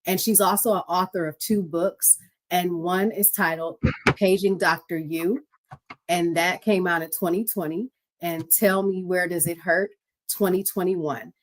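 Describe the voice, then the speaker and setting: Brief: woman podcast host, lowish voice, supportive, asks questions. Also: steady tone, unhurried, rough recording. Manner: supportive, frequent "mm-hmm" backchannels. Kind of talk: interview questions.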